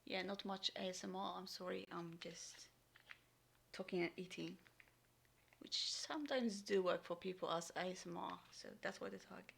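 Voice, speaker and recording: A woman vlogger unboxing and reviewing a military ration in casual talk, full of ums and sometimes dropping into a soft whisper. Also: fairly low pitch, fairly even intonation, moderate pace, gravelly, breathy edge. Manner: chatty, frequent ums, drops into soft whispers. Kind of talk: casual unboxing and taste test.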